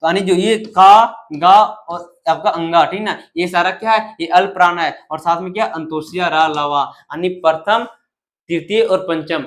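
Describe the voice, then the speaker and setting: High-voiced man drilling a grammar class. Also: a little slow, a bit bright. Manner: drills by asking questions and answering them himself, repeating syllables. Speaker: teacher. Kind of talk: exam-prep grammar lesson.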